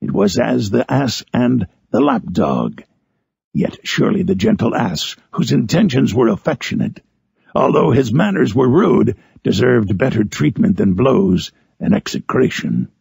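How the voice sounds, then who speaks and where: A man voicing Frankenstein's monster, a lonely, eloquent man-made creature, in a solemn, harsh storybook narration with drawn-out phrasing. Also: mid-range voice, very animated, a little mellow, dry recording, heavily acted. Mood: yearning. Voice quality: harsh, gravelly, raspy. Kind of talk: dramatic audiobook narration in character.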